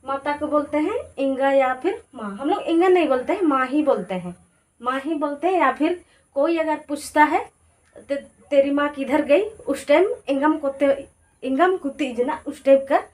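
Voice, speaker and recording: A woman teaching a language lesson in a casual, chatty way, repeating each word pair slowly to drill it. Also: high voice.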